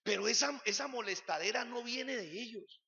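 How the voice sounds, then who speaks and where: A man preaching to his congregation, throwing out one rhetorical question after another. His voice sits high, bright and edged with gravel. The recording carries a long reverb from the church hall and sounds muffled and lo-fi. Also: normal speed. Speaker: pastor. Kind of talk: sermon. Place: church sanctuary.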